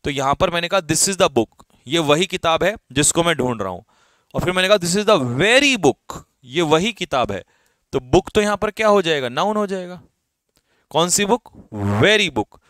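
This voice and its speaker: A man's voice: on the high side, animated, a bit bright, dry recording. A young man teaching grammar in a classroom lecture, asking questions and answering them himself. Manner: explains in Hindi, reads English examples slowly and stresses them. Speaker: English teacher.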